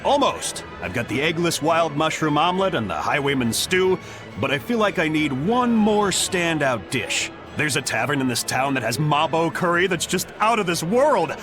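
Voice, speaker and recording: An actor playing a cheerful, boisterous reformed bandit who now dreams of cooking, in a video game. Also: male voice, on the high side, very animated, moderate pace. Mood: eager, pleased. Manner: boisterous, informal. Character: cheerful reformed male bandit turned eager cook. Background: music.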